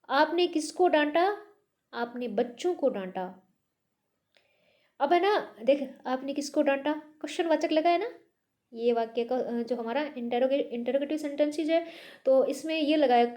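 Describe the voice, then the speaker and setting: A woman teaching Hindi grammar, reading example sentences slowly and explaining them patiently, with English words mixed into her Hindi. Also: sits high, dark tone.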